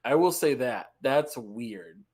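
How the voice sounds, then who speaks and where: Relaxed, joking man on a gaming podcast. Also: mid-range voice, takes it slowly, husky. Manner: relaxed, jokey, filler-heavy. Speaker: podcast co-host. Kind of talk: casual gaming chat.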